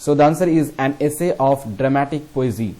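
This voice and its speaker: A man's voice: medium pitch, dark tone. Man teaching with a Bengali accent. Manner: switches between Bengali and English; reads questions slowly, explains in quick bursts. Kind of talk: exam question walkthrough.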